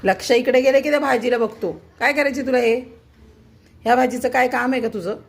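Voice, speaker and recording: A woman's voice: fairly high pitch, fairly even intonation, a little fast, vocal fry. Woman, home vlogger, scolding and coaxing her cats in the kitchen. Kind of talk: casual scolding talk to pet cats. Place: home kitchen, chopping vegetables at a table.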